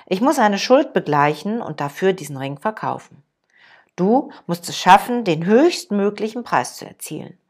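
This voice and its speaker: A woman reading the lines of a wise old male master in a calm, measured way. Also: medium pitch.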